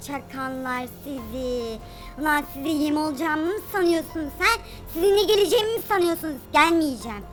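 A woman plays a brash superhero mom in a comic game role-play, her very high, piercing voice taking on a sharp, defiant tone. Rough street slang flies out in fast, repeated bursts while faint music plays underneath.

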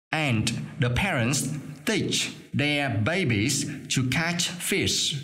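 A male teacher doing a voice-over for a lesson: he reads English sentences slowly and carefully, then explains them quickly. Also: mid-range voice. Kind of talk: explaining an English reading exercise.

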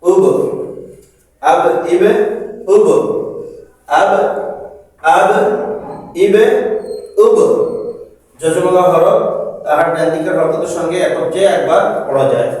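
A man teaching a Quran reading class, slowly spelling out letter sounds and drilling them in a repetitive chant. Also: sits high, a little mellow. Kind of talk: slow spelled-out recitation lesson. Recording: echoey room, voice from far off.

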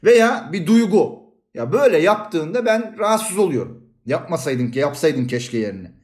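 A man co-hosting a casual podcast about communication, with a slight Aegean accent, animated and laughing often. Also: on the high side, moderate pace. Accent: slight Aegean Turkish. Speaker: podcast co-host.

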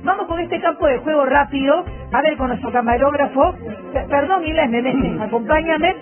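A woman's voice: sits high, moderate pace. A middle-aged woman doing an informal live report and interviewing as a field reporter. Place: room in a home, indoors. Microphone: handheld microphone. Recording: tinny phone-like live feed, music behind.

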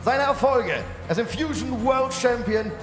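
A male ring announcer with brash, booming, drawn-out fight promoter hype at a kickboxing match. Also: animated, music in the background. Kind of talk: formal fight-night announcing. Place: large indoor arena with boxing ring. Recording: echoey arena PA with long reverb.

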